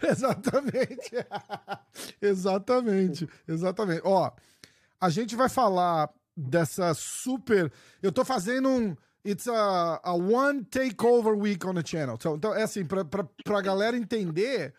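A Brazilian podcast host with a notably high voice chats loosely and unhurriedly with his guest, using lots of slang and restarting sentences. The recording is close and dry with no room sound, giving the feel of a relaxed studio conversation in Brazilian Portuguese.

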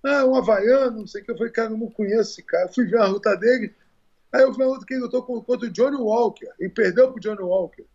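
A high-pitched Brazilian man tells fight stories in a loose, animated way, packed with curses and restarts. The recording sounds dull and lo-fi. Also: fast. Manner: animated, swears often, repeats words, stumbling restarts. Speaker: retired fighter, guest. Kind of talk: casual storytelling interview.

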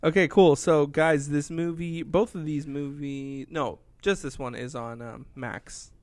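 A man's voice: fairly high pitch, fairly even intonation, measured pace, a little mellow, no echo. A young man co-hosting a podcast, rambling casually with many fillers and wrapping up the episode. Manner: rambling, lots of fillers and likes, wraps up the show. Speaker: podcast co-host. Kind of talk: casual chat.

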